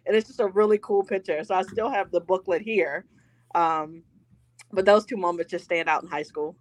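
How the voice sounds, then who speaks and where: A woman's voice: fairly low pitch, steady tone, normal speed, no room sound. A woman talking in a casual, chatty way about her school days. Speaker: co-host. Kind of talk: casual chat.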